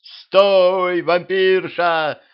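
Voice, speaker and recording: Man doing gruff grumpy old watchman. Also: sits low, expressive, unhurried, lo-fi sound. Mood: shouting. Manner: gruff, threatening.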